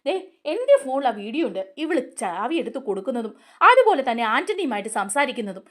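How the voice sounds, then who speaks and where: A woman's voice: high-pitched, very animated, fast talker, a bit bright. A woman voicing Sharath, an angry accusing young man. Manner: heated, accusing.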